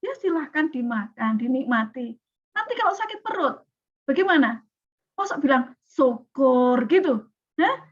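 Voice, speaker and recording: A woman's voice: high-pitched, expressive, unhurried. A woman, lecturing a class and often asking her students questions. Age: 40s. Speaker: teacher. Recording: dull lo-fi recording.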